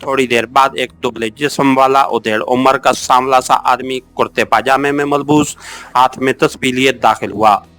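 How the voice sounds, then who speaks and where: A man narrating a first-person adventure novel as an audiobook, in a steady, measured storytelling manner. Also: mid-range voice, faint music behind.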